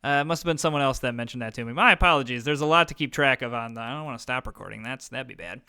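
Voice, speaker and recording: A man's voice: mid-range voice, rapid-fire, pushed and bright, clear, resonant tone. A man in his thirties with a Midwestern American accent, rambling casually with lots of fillers while playing a board game online. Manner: rambling, filler-heavy, self-deprecating. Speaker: gaming YouTuber. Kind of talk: casual let's-play commentary.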